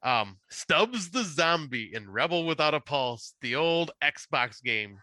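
A man's voice: on the high side, very animated, takes it slowly, sharp tone, no echo. A man co-hosting a casual podcast from Canada, chatting his way through a list of upcoming game releases. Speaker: podcast co-host.

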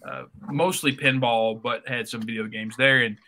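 Very bright-voiced man telling stories. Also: medium pitch, steady tone, normal speed. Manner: filler-heavy storytelling. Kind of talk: casual chat.

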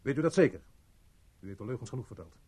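An actor dubbing a stern police sergeant who questions in a probing way. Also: male voice, mid-range voice, lively intonation, fast, darkish tone, slight background noise, lightly acted. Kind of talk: dubbed film acting.

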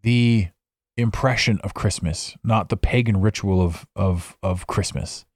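A podcast host talks alone from his home studio, rambling and reflecting off the cuff and often restarting his sentences. His voice is fairly low and a little mellow, with a measured pace, caught cleanly on a studio microphone with no echo.

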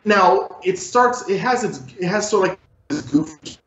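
Man, casual co-host on a glitchy, breaking-up call, slightly higher voice, echoey. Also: lively intonation, a bit bright, a little hiss or hum. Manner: halting, clipped fragments. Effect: choppy, glitchy, breaking-up call audio. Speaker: co-host recommending anime films. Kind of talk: casual chat over a video call. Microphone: video call. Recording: dull, echoey internet call audio.

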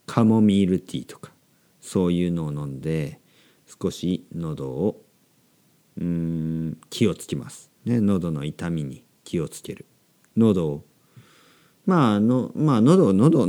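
Slow, gentle man with a deep voice. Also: expressive. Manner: gentle, repeats and explains simple words. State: slightly sore throat. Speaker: podcast host teaching Japanese. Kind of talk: slow, simple podcast talk for language learners.

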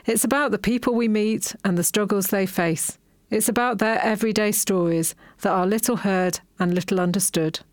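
A woman's voice: mid-range voice, no room sound, clean studio sound. Earnest woman reading a podcast intro. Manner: measured, earnest read. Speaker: podcast host. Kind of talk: scripted introduction.

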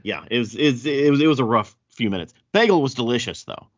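A man's voice: medium pitch, animated, fast talker. A man with a thick Southern US accent hosting a casual podcast chat, often stammering and repeating words as he goes. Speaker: podcast host. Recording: dull, roomy echo.

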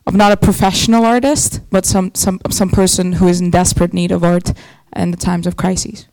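A woman's voice: fairly low pitch, level tone, a little fast, creaky, a little mellow, no room sound, poor audio. A woman from Estonia introducing herself as a speaker on a live panel. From Estonia, from Narva. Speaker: panelist, amateur musician and stand-up comic.

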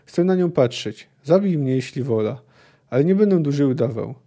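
Brief: earnest lovesick young knight confessing, voiced plainly by a male podcaster, soft warm tone. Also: medium pitch, expressive, moderate pace.

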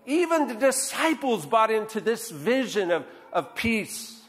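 A man with a high, very animated voice speaks a little slowly in a large hall. He's a pastor preaching a sermon in a conversational way, often checking in with the congregation by adding "right?"

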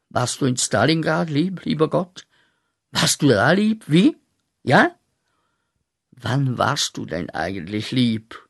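An actor playing a bitter young man back from the war in a radio play, who accuses God in a voice that swings from muttering to shouting. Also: medium pitch, creaky, breathy edge, full character voice.

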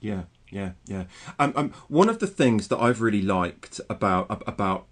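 A man interviewing a guest, asking long questions with many halting restarts and fillers. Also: lowish voice, animated.

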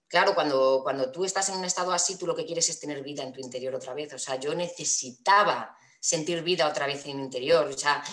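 A woman tells a personal story to her viewers. Her voice sits low. She rambles with frequent restarts and fillers, and the room echoes noticeably around her. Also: fairly bright tone.

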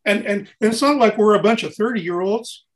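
Brisk and high-voiced, the man in his sixties who tours as a keyboard player talks with animation in an informal interview. He rambles in long runs and keeps restarting his sentences.

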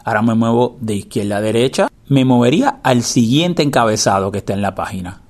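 A man with a medium-pitched voice gives a hands-on software lesson. He explains step by step in a patient instructor's manner, repeating the important parts. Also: a little fast. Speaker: instructor demonstrating a screen reader. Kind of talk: spoken step-by-step tutorial.

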